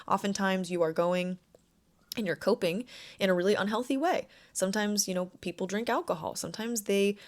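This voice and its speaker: A young adult woman hosting a self-help podcast, talking in a relaxed, conversational and reassuring way. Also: medium pitch, brisk. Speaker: podcast host and anxiety coach.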